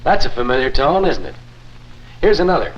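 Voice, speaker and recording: An actor playing a courteous, confident church organist, explaining in a formal, measured 1950s narrator manner for a promotional film. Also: male voice, medium pitch, very animated, close to an everyday voice. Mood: instructive, assured. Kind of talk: 1950s promotional film acting, scripted demonstration. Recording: muffled, noisy 1950s film soundtrack.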